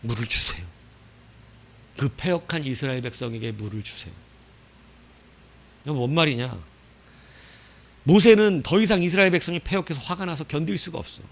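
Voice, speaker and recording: A man preaching a sermon as pastor. He asks the congregation questions and answers them himself, and his loud bursts fall away into quiet phrase endings. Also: a little high, normal speed, pauses often.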